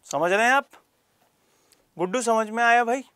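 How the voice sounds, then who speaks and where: A man's voice: extremely high pitch, moderate pace, pushed and bright, clear, resonant tone, no echo. A man teaching a geography lesson for exam preparation, asking rhetorical questions and calling on students by name. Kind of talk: classroom lecture for exam prep.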